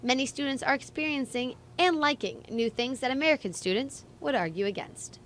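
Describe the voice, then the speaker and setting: Young woman doing a student news package, upbeat and punny, highish voice, bit of hiss behind. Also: fairly quick, a bit bright. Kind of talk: scripted news narration.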